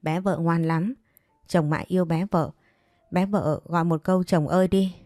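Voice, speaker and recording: A woman's voice: lowish voice, steady tone, moderate pace, a little mellow, no room sound, clean studio sound, lightly acted. A woman voicing an older man who dotes on and bosses his young lover in a spoken story. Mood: tender. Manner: tender, coaxing, bossy.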